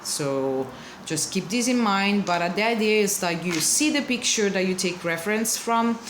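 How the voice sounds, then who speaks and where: This card-altering artist, not a native English speaker, chats through an informal art lesson, apologizing often and searching for the right words. Her mid-range voice has lively intonation at a normal speed, over background noise.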